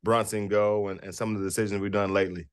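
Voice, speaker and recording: Male basketball coach as a guest, lowish voice, halting delivery full of ums, dry close sound. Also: little pitch movement, clear, resonant tone, no echo. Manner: halting, many fillers and restarts. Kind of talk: casual interview talk.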